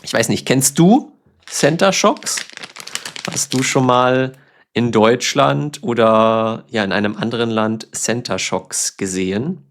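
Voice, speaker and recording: Slow, patient male German teacher. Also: mid-range voice, creaky. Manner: explains words patiently with examples, warm. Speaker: German teacher, podcast host. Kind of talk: slow, clear teaching talk.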